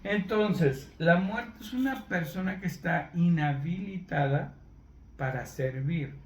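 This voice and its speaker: A man teaching from the Bible, unhurried, often checking in with his listeners and spelling words out letter by letter. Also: a little high. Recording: roomy echo, faint background noise.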